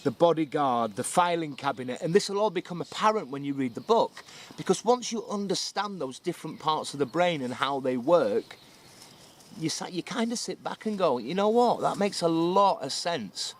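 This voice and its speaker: Higher-voiced man giving a casual outdoor review. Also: animated, moderate pace. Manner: conversational, explanatory, often checking in with "okay" and "yeah". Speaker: survival instructor and vlogger. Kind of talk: casual book review to camera. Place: outdoors beside a stream.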